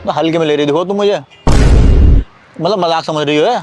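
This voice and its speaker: A man playing a swaggering small-time male street thug who talks rough, boastful and bullying, in a staged sketch. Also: fairly high pitch, brisk, a little mellow, faint music behind, lightly acted. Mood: menacing.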